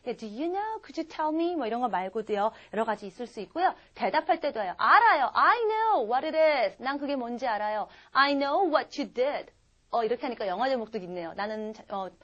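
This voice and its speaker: A woman teaching an online English grammar lesson in a chatty, lively way, asking the class rhetorical questions. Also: high voice.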